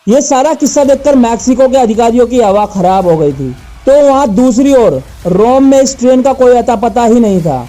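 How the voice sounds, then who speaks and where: A man with a very high-pitched voice narrates a scripted mystery tale for his channel. His tone is dark and mellow. He talks to listeners as friends and builds suspense. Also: animated, moderate pace, few pauses.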